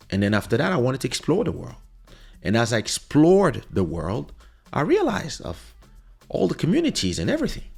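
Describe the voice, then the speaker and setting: A podcast host with a creaky, medium-pitched voice speaks English with a French accent. Born in Kinshasa, Congo, and raised in Paris from age seven, he delivers an unscripted monologue that is emphatic and reflective, repeating phrases for emphasis.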